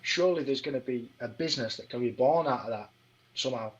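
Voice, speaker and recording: A man's voice: mid-range voice, quick pace, muffled recording, crowd noise. A man, a podcast guest telling fight stories in casual chat, swearing often and asking "do you know what I mean".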